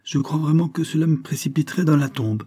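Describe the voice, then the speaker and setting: A sour, scolding spinster, voiced by a man reading a novel aloud, raised a good step above his husky low voice. She snaps and contradicts in a forceful, loud tone. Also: fast. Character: sharp, scolding middle-aged spinster sister-in-law.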